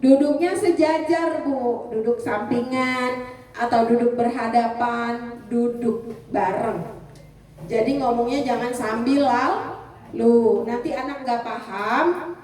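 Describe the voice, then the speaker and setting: A woman giving a lively parenting seminar to mothers, acting out what a mother says and asking the audience questions. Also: on the high side, slow pace. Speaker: parenting speaker. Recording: very echoey hall, speaker far from mic.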